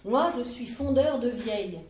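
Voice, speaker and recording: A woman's voice: on the high side, lively intonation, normal speed, a little mellow, lightly acted. A woman storyteller voicing a sly, cheerful little old man who speaks in an easy, matter-of-fact way. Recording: roomy live room, mic at a distance.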